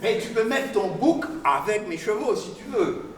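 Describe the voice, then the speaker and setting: A man's voice: sits high, lively intonation, moderate pace, faint music behind. A man voicing an indulgent, good-natured older king in a told folk tale, recorded live in a large hall. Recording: echoey hall from far off.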